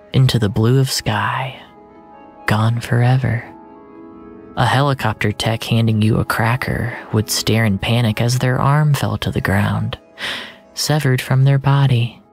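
A mid-range voice tells a first-person literary story slowly and broodingly, letting phrases fade into a hushed breath.

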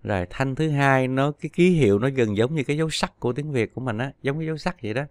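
Male language teacher, mid-pitched, patient, stretches example syllables; dry recording. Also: no echo. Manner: patient, drawn-out model syllables. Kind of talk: explaining pronunciation lesson.

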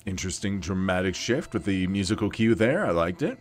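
A man's voice: low voice, animated, fairly quick, a little hiss or hum. A young man casually commenting on a video game as he plays, chatty and rambling, laughing and swearing often. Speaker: let's play host.

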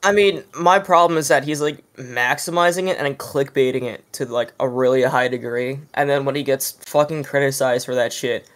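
A man talking on a casual group podcast at an ordinary pitch. He swears constantly and rambles through long explanations, recorded on a home computer mic. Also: normal speed, few pauses, a bit bright. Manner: profane, rambling, explains drama at length. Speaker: podcast co-host.

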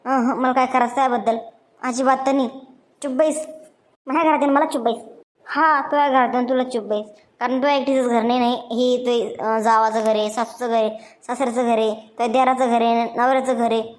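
A woman's voice: a little high, fairly even intonation, brisk, lightly acted. A woman doing a gossiping village busybody. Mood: defensive retort. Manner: nagging, chatty, defensive. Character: gossiping middle-aged village woman visitor, meddling. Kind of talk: cartoon voice acting.

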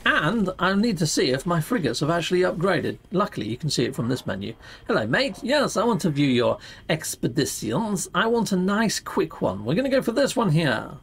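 High-pitched and very animated, the middle-aged man talks a little fast in a gravelly, fairly bright voice, with a little hiss or hum in the audio. As a gaming YouTube host, he keeps the stream chat casual, exuberant, and packed with playful catchphrases from his seated home streaming spot.

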